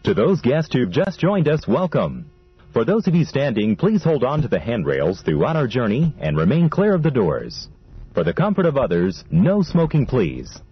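A man giving a recorded train station announcement in a slow, formal, courteous way, heard over a loudspeaker. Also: mid-range voice, huge pitch swings. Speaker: transit announcer. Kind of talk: recorded onboard public announcement. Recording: muffled, husky loudspeaker playback.

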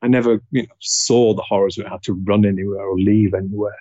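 Fast and fairly flat in intonation, a Yorkshire-accented man from Leeds with a lowish, dark voice looks back on his life during a casual interview, hesitating often. There's no room sound, and the audio is dull.

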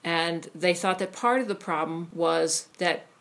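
A woman history professor giving a measured, academic explanation in an interview. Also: on the low side, fairly bright tone.

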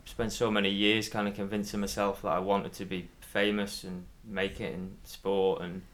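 A man in his thirties with a soft, fairly neutral Manx accent and a lowish voice. He talks casually as a podcast guest, feeling his way through thoughts in a hesitant, conversational manner. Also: level tone, normal speed. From Isle of Man. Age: 30s. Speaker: podcast guest, former athlete.

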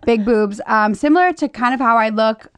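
Young woman host, slightly high voice, bubbly and profane, dead-dry mic. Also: normal speed, smooth, no room sound. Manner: bubbly, swears freely, laughs often. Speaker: podcast host. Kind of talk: casual chat.

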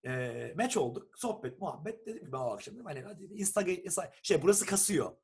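A young man from Turkey, telling a long story in a casual, animated chat and acting out what people said. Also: sits high, quick pace, slightly rough. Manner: animated storyteller who acts out quoted texts and swears casually.

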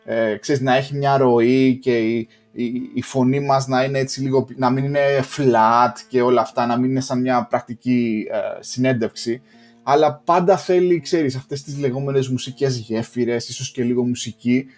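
Greek man, mid-pitched podcast co-host. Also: fairly even intonation, a little mellow, soft background music. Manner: reflective, self-deprecating, talks in long run-on turns. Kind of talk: casual chat.

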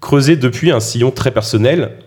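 Fast-talking man reading a scripted introduction. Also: medium pitch, a little mellow. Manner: brisk, self-mocking asides between scripted lines. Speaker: podcast host. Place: studio or room around a table.

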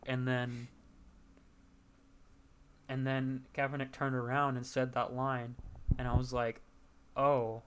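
A man's voice: medium pitch, completely flat delivery, unhurried, long pauses, noisy background. A young man co-hosting a podcast in casual chat, mostly agreeing and adding dry quips. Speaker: podcast co-host.

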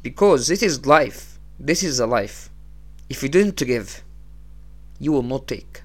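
An Egyptian podcast host who speaks non-native English delivers a motivational religious talk in plain, repeated phrases. His mid-range voice has lively intonation and an unhurried pace, recorded on a small, low-cost podcast setup.

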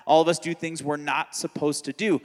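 A man in his thirties, a pastor on a question panel, explaining calmly in a soft-spoken way. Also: on the high side, a little fast, in a large hall. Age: 30s. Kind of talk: panel Q&A teaching.

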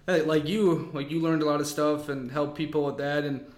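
An American man hosts a podcast interview, talking in an easygoing, rambling way full of fillers. His slightly high, slightly mellow voice is brisk with little pitch movement, and the room sounds echoey.

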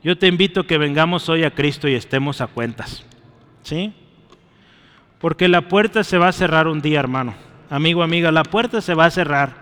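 A man's voice: a little high, fairly bright tone, smooth, long reverb tail. A man preaching a sermon and closing in prayer, urging his listeners and often checking in with a short "right?" and "brother". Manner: exhorting, often adds "¿sí?" and "hermano" to his phrases.

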